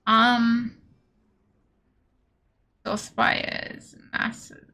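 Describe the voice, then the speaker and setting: Aussie girl streaming games, chatty, mutters to herself, bright voice pitched a bit high. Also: monotone, drawn-out words, vocal fry. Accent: Australian. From Australia. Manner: chatty, muttering asides to herself between remarks to chat. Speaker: game streamer. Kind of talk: casual livestream chat while gaming.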